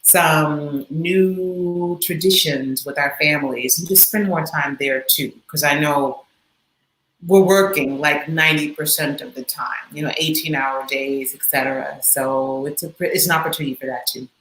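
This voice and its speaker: Bright friendly woman, echoey room. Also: deep voice, unhurried, slight background noise. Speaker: guest. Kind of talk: casual podcast chat.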